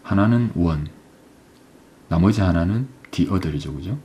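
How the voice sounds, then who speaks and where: Speaking in a low-pitched, expressive voice with a warm tone, a man teaches English. He goes through an exam passage step by step, slowly reading English phrases and frequently asking "right?"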